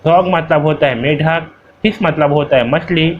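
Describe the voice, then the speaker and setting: Man slowly walking through an exam paper. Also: on the high side. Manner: explains each option slowly, repeats and translates words. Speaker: teacher. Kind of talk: exam paper walkthrough lesson. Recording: dull lo-fi audio with faint hiss.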